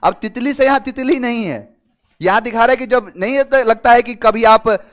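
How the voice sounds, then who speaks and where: A young man teaching English idioms in a casual classroom style, reading out answer choices slowly and mixing in anecdotes. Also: extremely high pitch, fairly bright tone. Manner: explains slowly, reads options aloud, tells anecdotes.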